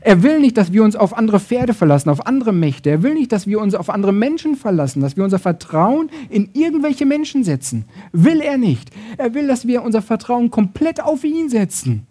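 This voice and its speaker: A man preaching a sermon, switching between loud emphasis and soft, intimate passages, acting out quoted voices and often adding "ne?". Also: high-pitched, very animated, a little fast, few pauses. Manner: acts out quoted voices, uses tag question "ne?".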